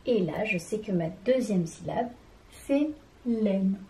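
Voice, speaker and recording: Slow, mellow woman teaching a lesson. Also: mid-range voice, expressive, roomy sound, poor audio. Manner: slow, careful, syllable by syllable; addresses the child directly. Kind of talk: children's reading lesson.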